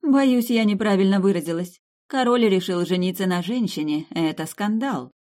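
A woman voicing a young noble dragon countess in an audiobook, soft, candid and a little shy. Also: medium pitch, moderate pace, voice pushed up, close to an everyday voice.

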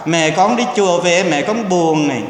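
A man's voice: high-pitched, moderate pace, lightly acted. A man, a monk, quoting a troubled young person complaining plaintively about the temple, in a raised voice. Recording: echoey hall with long reverb.

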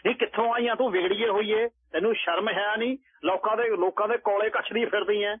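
A sharp-tongued village woman, voiced by a man scolds in a high, husky voice. The sound is tinny, like a phone line. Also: fairly even intonation, quick pace, no echo. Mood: scolding.

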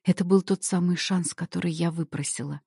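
Husky low-voiced woman narrating a story. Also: fairly even intonation, no echo, clean studio sound. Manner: measured, softly dramatic reading. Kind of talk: scripted first-person story narration.

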